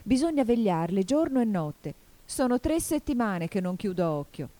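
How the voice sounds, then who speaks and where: A woman voicing a distraught male pigeon in a storybook reading, shrill, wailing and accusing. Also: sing-song, moderate pace, mellow, no echo, natural voice. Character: frantic male pigeon guarding eggs, shrill and suspicious.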